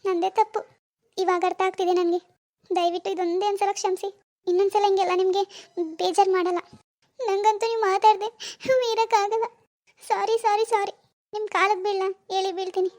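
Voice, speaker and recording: A woman's voice: very high voice, little pitch movement, quick pace, pauses often, darkish tone. A woman voicing a meek young wife in a cartoon, crying and begging forgiveness over and over. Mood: pleading tearful. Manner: apologetic, begging, keeps repeating sorry.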